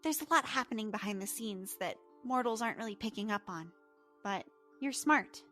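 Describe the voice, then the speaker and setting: A woman's voice: mid-range voice, lively intonation, normal speed, sharp tone, faint music behind. A woman voicing a teenage-looking goddess of fate, playful and teasing, in a tabletop game. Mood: earnest. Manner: teasing, cheerful. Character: girlish teen goddess of fate, playful, smug.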